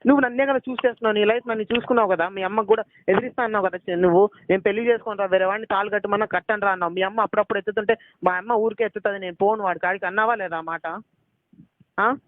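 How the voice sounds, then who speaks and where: A man's voice: sits high, steady tone, rapid-fire, dry recording. Young man, heated phone argument, pleading and accusing, tinny phone line. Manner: pleading, accusing, repeating questions. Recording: tinny phone call recording.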